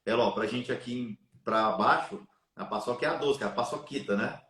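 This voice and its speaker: A man's voice: mid-range voice, brisk, fairly bright tone, echoey room. A man telling a long personal story in a live chat, drawing a lesson about giving and faith in an earnest, preachy way. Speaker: live stream guest.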